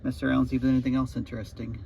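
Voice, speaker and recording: Gravelly man rambling in an offhand vlog. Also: medium pitch, level tone, very fast. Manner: musing, offhand narration. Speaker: road trip vlogger. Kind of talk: casual rambling vlog chat. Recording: muffled sound with loud background noise.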